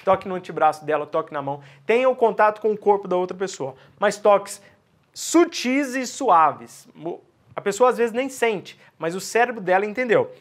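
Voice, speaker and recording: A man's voice: sits high, fast, hardly any pauses. A man teaching sales communication, talking straight to his viewers and answering his own questions. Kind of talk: instructional talk to camera.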